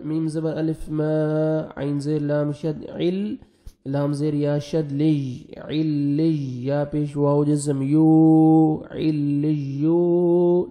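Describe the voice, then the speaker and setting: A man teaching tajweed, spelling letters quickly and then reciting each word slowly and drawn out. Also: on the high side, highs cut off. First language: Urdu. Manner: alternates rapid explanation with slow drawn-out recitation.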